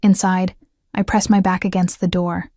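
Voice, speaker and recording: Brief: woman audiobook narrator, measured first-person storytelling, dark steady tone, monotone, close studio mic. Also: fairly low pitch, dry recording.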